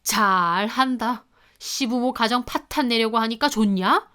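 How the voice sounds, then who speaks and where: A woman's voice: fairly high pitch, normal speed, close to an everyday voice. A woman voicing a flustered, defensive older father-in-law who scolds his daughter-in-law in a radio story. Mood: scolding.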